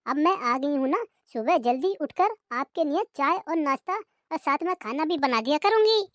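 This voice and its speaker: Brief: woman doing a polite sugary cartoon daughter-in-law, high, dry read. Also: animated, normal speed, fairly bright tone, no echo. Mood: sweet. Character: sweet eager younger daughter-in-law.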